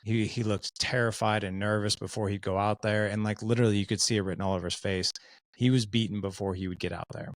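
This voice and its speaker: A man's voice: lowish voice, steady tone, fast, dry recording. A man in his forties, a podcast guest, telling candid stories in a loose, casual way full of "like" and "dude.". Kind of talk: casual storytelling chat.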